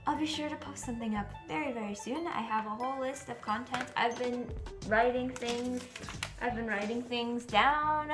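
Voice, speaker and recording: A woman's voice: on the high side, normal speed, music in the background. A young woman vlogging from her apartment, telling a travel story in a chatty, enthusiastic way. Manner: chatty and enthusiastic, full of "like" and "you know". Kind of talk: casual travel storytelling to camera.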